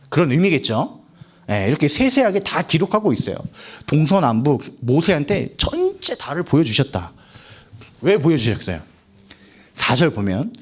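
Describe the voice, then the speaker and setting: A young man delivering a sermon to teenagers, his voice rising and falling in big lively swings and sitting a bit above the usual male range. He keeps asking the room questions and acts out the characters as he goes. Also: fairly high pitch, husky. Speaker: youth preacher. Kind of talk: sermon to high schoolers.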